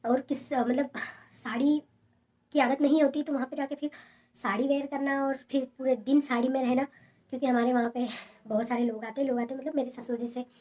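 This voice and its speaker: A young woman talking softly and casually at home, showing sarees in a haul video with many fillers. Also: high-pitched, little pitch movement, fairly quick. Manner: soft, hushed talk with many fillers. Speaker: fashion vlogger showing sarees. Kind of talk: casual product haul chat.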